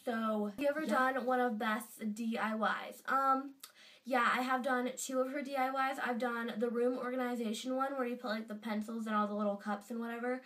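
Her voice is a little high, steady and brisk, with a bit of brightness, picked up from afar by a desk-distance webcam. She's a teenage vlogger with a stuffy nose from a cold, gushing chattily about what she's a fan of in her bedroom, with plenty of fillers.

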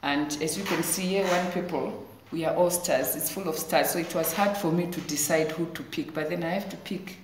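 A woman teacher gives an online assembly for small children, praising them warmly and encouragingly. Her voice sits fairly low. The recording sounds roomy and echoey, with a faint hiss underneath. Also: normal speed. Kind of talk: online school assembly address. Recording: echoey room with faint noise.

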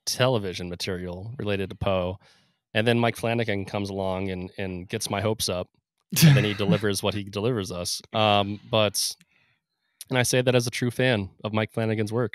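Man, casual podcast co-host, low voice, dry close sound, rambling with fillers. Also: no room sound. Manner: laughs often, rambling with fillers. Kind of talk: casual chat.

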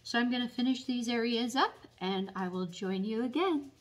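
A woman teaching barn quilt painting at a table in a casual, unhurried tutorial full of ums. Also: a little high, lively intonation, a little hiss or hum. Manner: unhurried, many ums, explanatory. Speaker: painting instructor and paint retailer.

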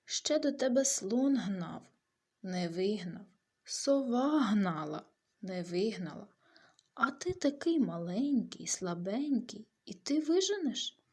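A woman voicing a small, frightened young male hare in a bedtime story, high and plaintive. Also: sing-song, takes it slowly, breathy edge, exaggerated voice. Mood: doubtful.

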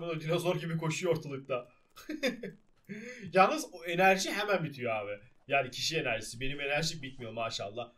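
Young man, game commentary, high lively voice, bright tone. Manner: excitable, shouting, laughing. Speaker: gaming channel host. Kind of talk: excited gameplay commentary.

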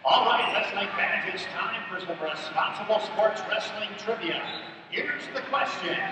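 A man's voice: high-pitched, expressive, moderate pace. A man announcing over the intercom at a wrestling tournament, formally repeating each announcement. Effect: over the intercom, public address loudspeaker. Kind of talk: public announcements and trivia. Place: large indoor gym at a wrestling tournament. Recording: echoey gym PA heard from far off, loud noise.

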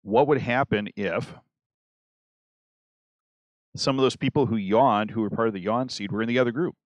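A man's voice: on the low side, normal speed, dry recording. Casual man teaching a stats lesson. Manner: conversational, restarts mid-sentence, checks in with "okay?". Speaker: math teacher.

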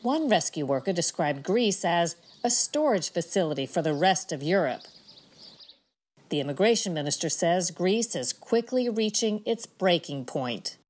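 Low-voiced woman reporter, measured narration. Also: animated, a little mellow. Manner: measured, matter-of-fact. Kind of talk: scripted news narration.

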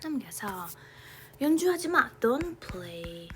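A young woman teaching English grammar in a casual online lecture, chatting informally and reading example sentences slowly, now and then dropping to a near-whisper. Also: a little high, sing-song, fairly bright tone, slight background noise.

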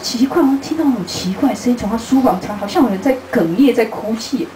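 A middle-aged woman, speaking as a travel author at a live book talk. She is a lively storyteller who acts out conversations and laughs often. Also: a little high, fast talker, crowd noise. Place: bookstore event room. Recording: roomy, distant, faint hiss.

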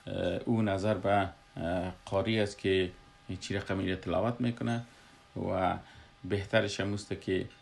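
A man with an Afghan Dari accent explaining a Quran recitation lesson, pausing often with filler sounds. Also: low voice, steady tone, vocal fry. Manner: halting, frequent filler hesitations.

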